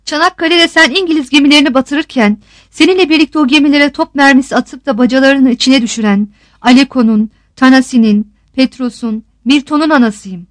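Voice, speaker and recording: A woman's voice: high-pitched, fairly quick, no room sound, lightly acted. A woman voicing a scornful, defiant old island woman who mocks and scolds with rhetorical questions. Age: older.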